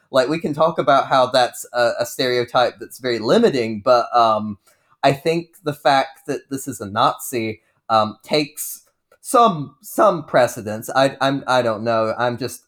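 A man guesting on a podcast, talking in a wry, rambling, self-deprecating way. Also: medium pitch. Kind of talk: casual podcast chat.

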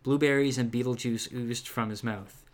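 A man's voice: mid-range voice, fairly even intonation, normal speed. Man reading a spooky book, laughing asides. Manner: laughing asides, many fillers. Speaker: podcast host reading a book aloud. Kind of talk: casual read-aloud with commentary.

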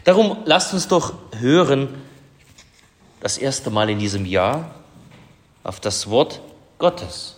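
A man preaching a sermon as pastor in a church, slow and measured, rising for emphasis. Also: mid-range voice, a bit bright. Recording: long reverb of a church hall.

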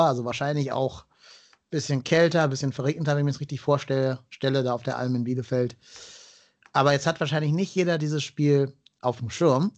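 A man's voice: medium pitch, a little mellow. A man hosting a podcast in a chatty, conversational way, speaking directly to his listeners. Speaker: podcast host.

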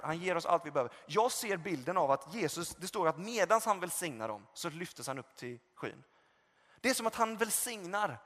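A man preaching a sermon, passionate, moving between loud exclamations and soft, conversational storytelling. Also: sits high. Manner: passionate, swings from loud calls to soft reflection; conversational with fillers and retold dialogue. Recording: long reverb of a hall.

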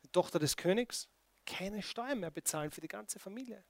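High-voiced preacher telling a story. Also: male voice, moderate pace, gravelly. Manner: animated storytelling, addressing the congregation with frequent "okay?". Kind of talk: sermon.

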